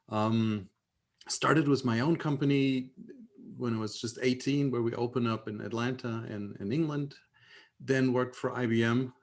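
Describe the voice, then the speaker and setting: Man, gravelly voice, wry, founder on a panel. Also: medium pitch. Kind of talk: casual panel talk.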